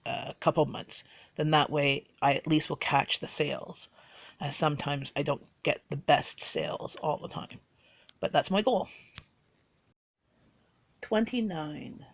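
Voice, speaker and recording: Woman, chatty, rambling, casual vlog talk, muffled lo-fi recording. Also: low-pitched. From Bahamas. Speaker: vlogger. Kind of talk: casual list of personal facts.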